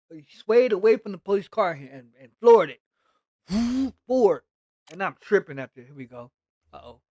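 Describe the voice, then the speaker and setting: High-voiced guy streaming, telling a story, swears a lot, dry close sound. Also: no room sound. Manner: animated, blunt, heavy swearing. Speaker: gaming streamer. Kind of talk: casual storytelling on a livestream.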